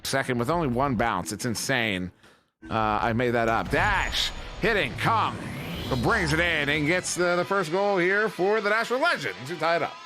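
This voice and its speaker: Bright-voiced male esports caster. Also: fairly high pitch, animated, normal speed, soft background music. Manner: chatty, filler-heavy, joking banter. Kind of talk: live esports commentary.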